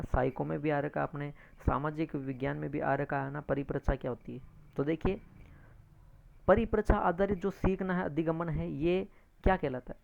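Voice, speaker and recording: Gravelly voiced teacher explaining test answers, repeats stuff a lot, keeps saying "right?", dull lo-fi audio. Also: mid-range voice, a little mellow. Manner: repetitive, addresses listeners as friends, frequent tag questions. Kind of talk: exam-prep lecture, explaining answers. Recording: dull lo-fi recording.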